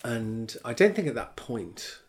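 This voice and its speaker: A man's voice: mid-range voice, sing-song, unhurried. A man in casual chat, telling stories from his past with dry, wry humour and laughs.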